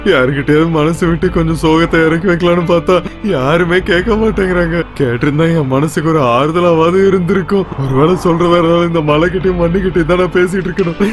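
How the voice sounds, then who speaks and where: A man in a dubbed film playing a kind, simple young quarry laborer who speaks in a gentle, tearful, rustic way. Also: fairly high pitch, natural voice. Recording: film dub over loud score.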